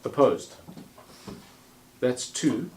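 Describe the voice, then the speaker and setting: A man chairing a council meeting, calling votes in a procedural, brisk manner with wry asides. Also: mid-range voice, expressive, darkish tone, slight background noise.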